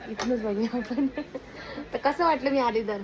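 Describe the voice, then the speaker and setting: A woman vlogger with a hoarse voice that is giving out, chatting casually on location. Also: a little high, normal speed, low-quality recording. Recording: loud crowd and vehicle noise.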